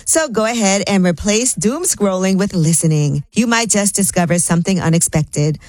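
Smooth-voiced woman radio host. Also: mid-range voice, expressive, normal speed, darkish tone, no echo. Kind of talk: radio talk show and live ad read.

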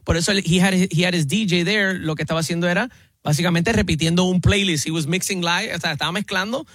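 A male radio co-host chats casually, sliding between Spanish and English mid-sentence. His voice is high and sharp, recorded very dry and close. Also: fast talker, no room sound.

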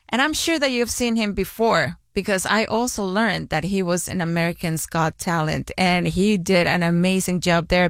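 A woman's voice: on the low side, no echo, clean studio sound. A woman from Mexico City hosting a radio show, interviewing casually and chatting with fillers.

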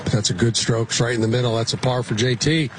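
A man's voice: medium pitch, fairly even intonation, quick pace, noisy background. A man working as an on-course golf commentator, calling play shot by shot in colloquial language.

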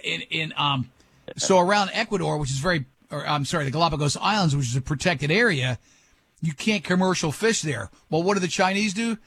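A man's voice: on the high side, animated, fairly quick, a bit bright, slightly rough, no room sound. A man hosting a morning radio show, joking brashly and talking over his guests.

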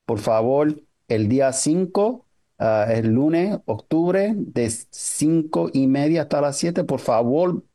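A man's voice: a little high, expressive, slow, dark tone. A man hosting a community radio show, chatty and easygoing, mixing English phrases into his talk. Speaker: radio host. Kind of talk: radio interview.

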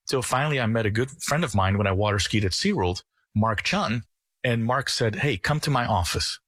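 A middle-aged man from the Netherlands, a financial advisor talking earnestly on a radio show in a folksy sales-pitch manner. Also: lively intonation, moderate pace, a bit bright, dry recording.

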